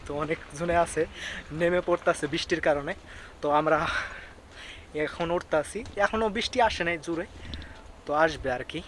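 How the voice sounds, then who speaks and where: Young male travel vlogger, Bangladeshi Bengali accent, high-ish voice, chatty and repetitive, noisy outdoor phone audio. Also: moderate pace, pauses often, fairly bright tone. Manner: chatty, repetitive, keeps addressing viewers as guys. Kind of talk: casual travel vlog narration. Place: outdoors on a hilltop site, in the rain.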